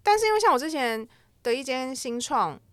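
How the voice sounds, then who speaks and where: A woman's voice: sits high, very animated, brisk, fairly bright tone, no room sound, studio quality. A woman in her thirties with a Taiwanese accent, chatting casually and emphatically as a podcast co-host. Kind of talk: casual chat.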